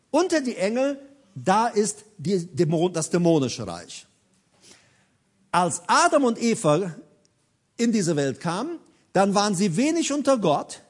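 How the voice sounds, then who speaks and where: A man preaches with a high, lively voice that climbs and drops across a wide range. He drives his points home with emphasis and repeats key phrases for weight. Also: husky. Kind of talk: sermon.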